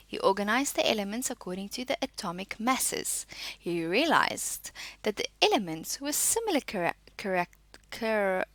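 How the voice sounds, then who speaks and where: This is a school science lesson, taught by a woman whose mid-range voice is bright and creaky-edged, with lively, varied intonation. Reading from notes and explaining exercises, she poses questions and answers them. The sound is close and dry, with no room sound.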